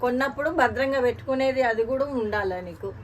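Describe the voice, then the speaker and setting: A woman's voice: on the high side, fast, a little hiss or hum. A mother with a Telangana Telugu accent in a staged family vlog skit, scolding and teasing and repeating herself.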